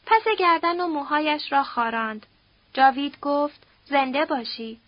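A woman narrating a novel as an audiobook in a steady, expressive storytelling manner. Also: sits high, no room sound. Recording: dull dry audiobook recording.

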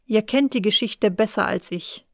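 A woman reading the lines of a remorseful middle-aged uncle in an audiobook, calm and plain. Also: mid-range voice, moderate pace, vocal fry, no room sound, studio quality, close to an everyday voice.

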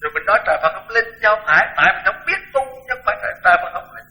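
A man's voice: sits high, expressive, racing, pushed and bright, faint music behind, low-quality recording. An older man, a Buddhist monk, giving a frank, blunt dharma talk and repeating words for emphasis.

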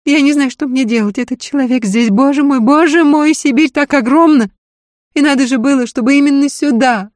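A man's voice: very high-pitched, fairly quick, dry recording, studio quality, pitched above the performer's own voice. A man voicing a capricious, hysterical young noblewoman with a Polish accent in an audiobook. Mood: frightened frantic. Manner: shrieking, frantic, capricious.

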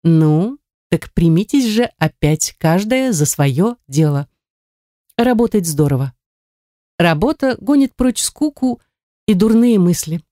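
A woman voicing a calm, wise mother of four daughters, speaking gently and instructively in a storybook reading. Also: lowish voice, slow pace, no echo, studio quality.

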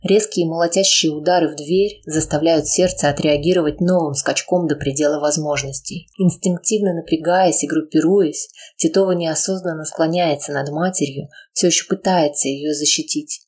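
A woman reading a tense audiobook aloud in a steady, dramatic narration. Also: low voice, moderate pace, few pauses, breathy edge.

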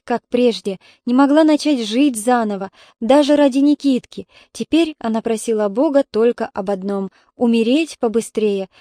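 A woman narrating an audiobook in a measured, somber way. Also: a little high, warm tone, dry recording. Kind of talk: scripted narration.

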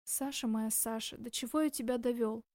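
A woman voicing a tender, remorseful young man who speaks quietly and slowly in an audiobook. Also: sits high, dry recording, studio quality, close to an everyday voice. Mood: self-reproachful. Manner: quiet, slow, guarded.

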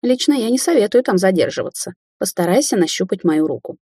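Smug vicious sorceress, read by a woman for an audiobook: mocking, theatrical, husky-toned, raised high. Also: animated, fast talker, warm tone, no echo, studio quality. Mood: scornful. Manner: theatrical, mocking, turns to hissing threats. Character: smug cruel adult female sorceress, teasing and vicious.

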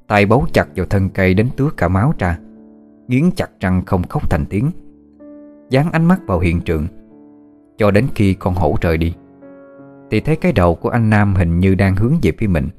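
A man with a very low, deep voice reads a dramatic story aloud. His telling is steady and measured, with soft music under it. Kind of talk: scripted story narration.

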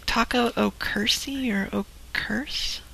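A woman in casual podcast chat, speaking softly and half-whispered while she looks things up. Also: a little high, slow, creaky, slightly rough, poor audio. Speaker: podcast co-host.

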